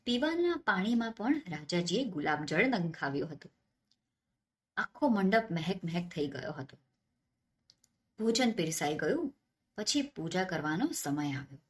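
Low-voiced woman telling a story. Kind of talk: storybook narration.

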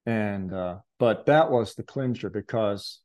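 A man's voice: lowish voice, a little slow, a little mellow. A man earnestly recounting a spiritual experience as an interview guest, reflective and searching for words. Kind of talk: conversational testimony.

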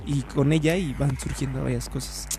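Gravelly-voiced Mexican man, casual and profane. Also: mid-range voice, steady tone, mellow, faint music behind. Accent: Mexican Spanish. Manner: slangy and profane, slow and deliberate when recommending. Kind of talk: casual chat reviewing TV series.

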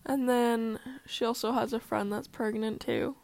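Speaking unhurriedly in a steady, creaky, darkish voice on the high side, this woman co-hosts a relaxed family podcast chat. She's hesitant and uses plenty of "um" fillers, and she's positioned close to a mic she shares with others.

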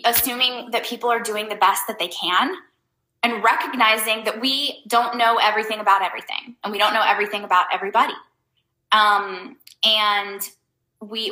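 A woman's voice: mid-range voice, pushed and bright, reverberant, slight background noise, poor audio. A woman hosting a casual advice talk for her viewers. She rambles loosely, leans hard on fillers like "um" and "like", and makes blunt, emphatic points. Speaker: host giving life advice.

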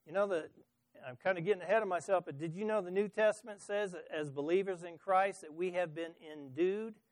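A man preaching a sermon as pastor, swinging from loud emphasis to soft asides and asking the congregation questions. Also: high-pitched, fairly quick, no echo.

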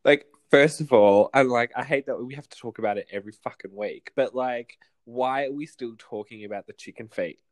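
An Australian man co-hosts a podcast, gossiping animatedly about reality TV in a casual recap and swearing freely. His mid-range voice runs a little fast with hardly any pauses.

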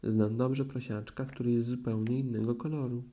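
A man voicing a sensible young boy in a storybook, speaking calmly and plainly. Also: mid-range voice, normal speed, lightly acted.

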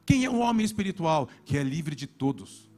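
A Brazilian man preaching a sermon as a pastor, dropping to low murmurs and then rising to shouted calls. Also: sing-song, moderate pace, faint music behind. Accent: Brazilian Portuguese.

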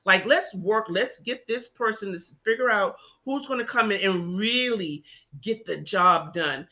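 A woman speaks with a bright, clear voice in an easygoing discussion. She works through her thoughts earnestly, restarting phrases and trailing into fillers as she goes. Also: medium pitch, measured pace. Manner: earnest, rambling with many restarts. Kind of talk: casual discussion.

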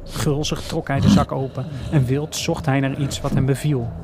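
A man reading a horror story aloud slowly and deliberately. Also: medium pitch, steady tone, heavy background noise. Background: faint music.

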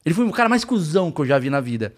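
A man's voice: a little high, very fast. A man with a Brazilian Portuguese accent, telling a comic story in casual podcast talk and acting out the quoted lines. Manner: animated, acts out quoted lines.

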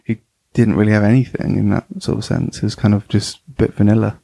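Male co-host, lowish voice, thoughtful casual podcast talk. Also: little pitch movement, fast talker, vocal fry, mellow, slightly rough. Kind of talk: casual football chat.

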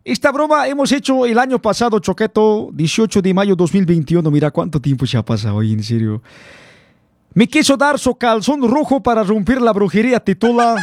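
A man's voice: sits high, lively intonation, a little fast, no echo, studio quality. A man hosting a prank-call comedy show, teasing and joking with a laugh in his voice. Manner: teasing, jokey, laughs a lot.

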